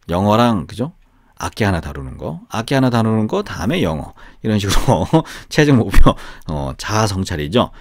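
A man's voice: on the low side, no room sound, studio quality. A middle-aged man teaching English pronunciation in a casual lesson, repeating words with exaggerated stress.

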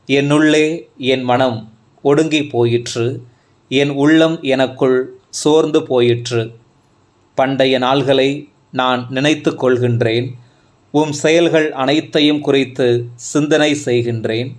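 A man reading psalms aloud in a calm, reverent, evenly paced scripture reading. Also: medium pitch, slow, pauses often. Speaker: scripture reader. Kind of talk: slow, measured scripture reading.

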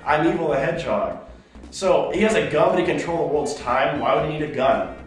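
A man's voice: fairly high pitch, fairly quick, heavy reverb, recorded from a distance, soft background music. A man hosting a comedy web show, sarcastically ranting about fan mail and swearing in exasperation.

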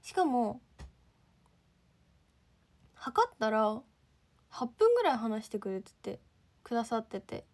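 A teenage girl chats on a livestream, her voice sitting a little high. She has a lilt, keeps thanking viewers, and often slips into hushed, near-whispered asides. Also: big pitch swings, slow pace, long pauses. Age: teens. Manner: chatty, reads and thanks viewer comments, drops to near-whispers. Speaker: idol livestreamer. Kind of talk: casual livestream chat.

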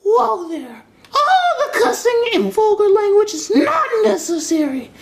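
A woman voicing a hyper, sugar-crazed little mushroom creature, giggly and shouting. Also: very high-pitched, wildly swooping pitch, measured pace, creaky, heavily acted. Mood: silly. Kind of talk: puppet comedy skit acting. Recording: loud music behind.

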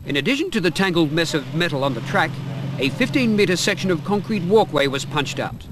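Guy doing a formal news report voiceover, highish voice, hissy old tape. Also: sing-song. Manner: measured, formal reporting delivery. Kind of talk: scripted news narration.

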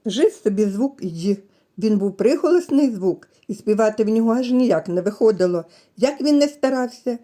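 A woman teaching a literacy lesson to young children, speaking gently and stretching out sounds as she addresses them. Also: on the high side. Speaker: preschool teacher. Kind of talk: slow, clearly articulated literacy lesson for children.

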